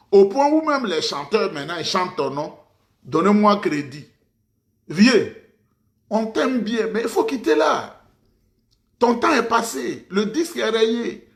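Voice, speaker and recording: A man's voice: a little high, a bit bright. A man from Ivory Coast, giving impassioned political commentary and addressing his audience formally, repeating phrases for emphasis.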